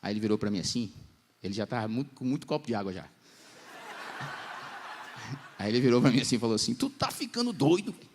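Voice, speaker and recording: A young man preaching at a church congress, telling lively stories in slangy talk and acting out the voices he quotes. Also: lowish voice, fairly quick, long pauses, a little hiss or hum. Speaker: pastor. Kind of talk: lively storytelling sermon.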